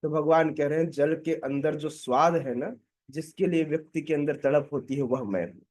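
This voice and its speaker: A man preaching a scripture class, explaining slowly with many pauses and asking his listeners rhetorical questions to check that they follow. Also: a little high, a little mellow. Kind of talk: devotional scripture lecture.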